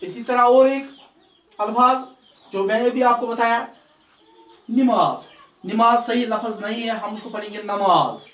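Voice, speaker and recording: A man teaching an Urdu class, slowly repeating each word to drill its correct pronunciation. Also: extremely high pitch, fairly even intonation, fairly bright tone, muffled recording. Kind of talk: recorded pronunciation lesson. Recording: distant mic in a roomy space, faint ambient noise.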